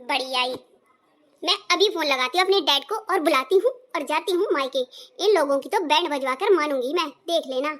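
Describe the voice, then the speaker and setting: A woman's voice: high voice, brisk, fairly bright tone. A woman playing a spoiled, bossy young daughter-in-law in a comedy skit, scornful and threatening.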